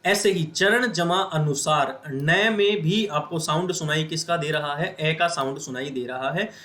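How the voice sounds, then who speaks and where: A man's voice: fairly high pitch, measured pace, pushed and bright. A man with a Hindi accent teaching a grammar lesson, asking the viewers questions and answering them himself. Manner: repetitive question-and-answer explaining, addresses viewers as friends.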